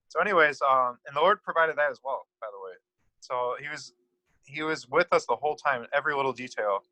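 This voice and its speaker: A man's voice: medium pitch, sharp tone, dry recording, rough recording. A man as an interview guest, telling a personal story in a rambling way with many "so anyways" and "um" fillers.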